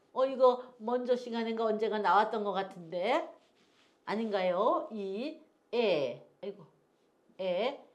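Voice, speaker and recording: An older woman with a mid-range voice teaches an English phonics lesson. She patiently repeats each word for learners to echo and drifts off into homely stories.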